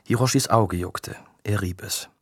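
A male audiobook narrator reads in an even, measured way. His voice sits low with a slight huskiness, and the recording is close and dry with no room sound. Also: breathy edge, no room sound. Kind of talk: scripted narration.

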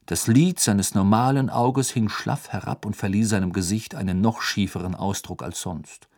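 A man reading an audiobook as narrator in an even, measured way. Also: on the low side, no room sound, studio quality. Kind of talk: scripted narration.

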